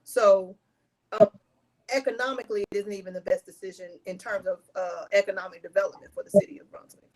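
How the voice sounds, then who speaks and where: Panelist, mid-pitched voice, frank and restarting. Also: steady tone, fast talker, rough recording. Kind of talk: virtual panel discussion. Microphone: video call.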